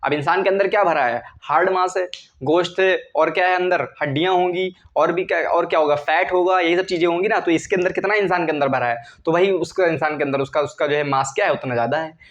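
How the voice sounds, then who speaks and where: A male chemistry teacher gives a classroom lecture, talking fast in a fairly high voice with the highs cut off. He often asks a question and then answers it himself.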